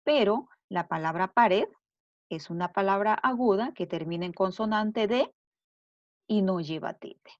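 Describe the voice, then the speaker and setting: A woman teacher giving a recorded grammar lesson, explaining slowly and deliberately and repeating her examples. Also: medium pitch, no room sound. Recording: dull lo-fi dry recording.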